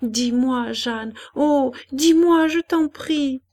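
A woman's voice: fairly even intonation, normal speed. Woman reading as a frantic, crying mother. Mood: panicked. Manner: crying out in high, loud panic. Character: frantic young mother, terrified for her sick child.

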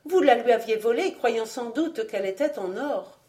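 A woman reading aloud, voicing a proud, indignant young noblewoman with an accusing, high-strung manner. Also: expressive, moderate pace, mellow, close to an everyday voice.

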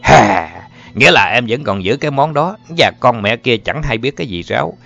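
A man playing a self-satisfied elder-brother figure with a gravelly voice and a Southern Vietnamese accent, speaking in a jovial drawl. The storybook voice rises and falls freely. The recording is a little dull, with faint music underneath. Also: medium pitch, animated, normal speed, a bit bright, voice pushed up. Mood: bossy. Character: swaggering grown man, boastful elder brother.

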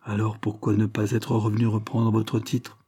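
A man's voice: on the low side, completely flat delivery, moderate pace, mellow, breathy edge. A man reading the part of an anxious, shaken noblewoman in an audiobook, asking urgent questions.

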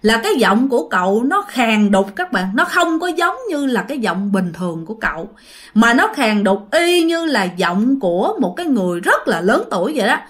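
A young woman narrates a ghost story in a relaxed, chatty way. She keeps turning to her listeners as she goes. Her voice sits a little high. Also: moderate pace. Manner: chatty, addresses listeners directly.

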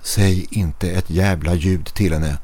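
A man's voice: low-pitched, fairly even intonation, warm tone. A man voicing a panicked army captain who barks clipped, urgent commands.

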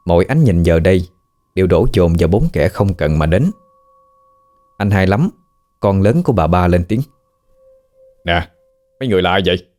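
A man with a Southern Vietnamese accent narrating a ghost story in a steady, measured way. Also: deep voice.

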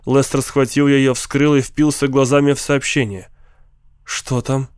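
A male narrator reads a science fiction story in an even, measured voice. His pitch sits in the middle for a man. The sound is dry and close with no room echo. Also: smooth. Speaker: audiobook narrator. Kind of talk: scripted narration.

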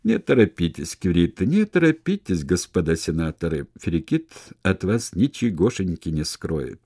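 A loud, gleeful slave full of mockery and boasts, as a low-voiced male reader puts him on. He jumps high and low in pitch with every taunt, the voice dark and dry. It sounds like a storybook read aloud. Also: big pitch swings, normal speed, husky, dry recording, heavily acted. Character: cheeky jolly male slave, mocking and boastful.

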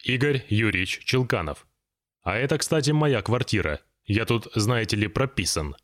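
A man's voice: fairly low pitch, expressive, normal speed, lightly acted. A man voicing a polite, anxious younger employee who is easily flustered in an audiobook reading. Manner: polite, anxious, taken aback.

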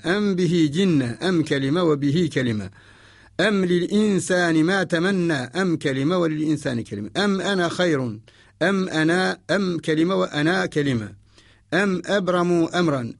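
Man, from Mauritania, radio lesson teacher, slow deliberate explaining, fairly high pitch, gravelly, dry studio sound. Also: no room sound. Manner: slow, deliberate, repeats each example word by word. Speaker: Quran orthography teacher. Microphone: studio microphone.

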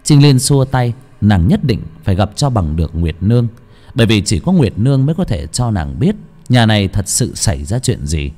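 A man narrating an audiobook in an expressive storytelling manner. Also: lowish voice, normal speed. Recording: long hall reverb.

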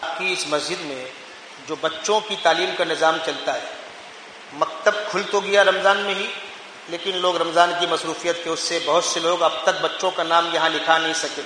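A man's voice: a little high, steady tone, sharp tone, a little hiss or hum. A man from India preaching a fervent Urdu sermon in a mosque, full of rhetorical questions and repeated phrases. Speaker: mufti preacher. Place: mosque hall. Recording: echoey mosque hall with long reverb.

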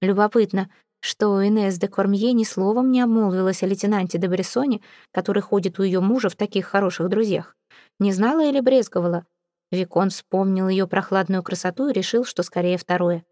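A woman's voice: medium pitch, fairly quick, warm tone, no room sound, studio quality. Woman narrating an audiobook.

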